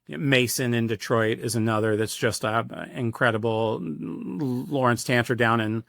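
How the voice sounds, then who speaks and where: This middle-aged man from Sacramento, California, a sports PA announcer, shares stories on a podcast in a relaxed, reflective interview. His medium-pitched voice is a bit bright with vocal fry and a slightly slow pace, and his phrasing is hesitant and conversational; the recording is dry and clean studio sound.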